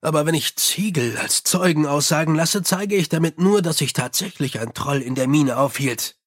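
A man doing a gruff, short-tempered watch commander. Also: fairly high pitch, moderate pace, close to an everyday voice. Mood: brooding. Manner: brusque, exasperated.

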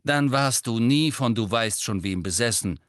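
A man voicing a blunt, fiery teenage girl who speaks forcefully. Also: mid-range voice, lively intonation, normal speed, dry recording, clean studio sound, natural voice.

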